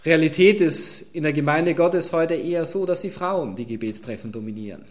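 A man's voice: fairly high pitch, moderate pace. A pastor preaching, expounding a Bible passage and speaking directly to his congregation. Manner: addresses congregation directly, emphatic Bible exposition. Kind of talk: sermon.

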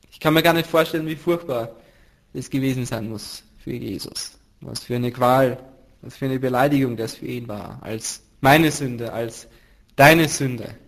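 A man teaching a Bible study in sermon style, earnest and emphatic, swinging from loud stresses to hushed drops. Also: medium pitch, creaky.

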